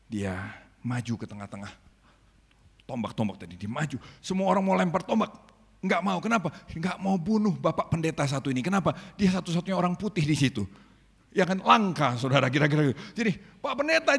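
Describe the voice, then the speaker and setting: A man preaching a sermon as pastor, telling a story animatedly and swinging between loud preaching and hushed asides. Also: on the high side, slightly rough. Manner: animated storytelling, acting out villagers' voices. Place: church hall. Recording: reverberant church hall.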